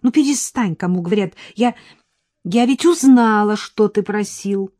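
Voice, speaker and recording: A woman's voice: mid-range voice, unhurried, mellow, no room sound, studio quality, voice pushed up, lightly acted. Milka, a coquettish young woman, read by a woman. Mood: urgent. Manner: coquettish, teasing, talkative.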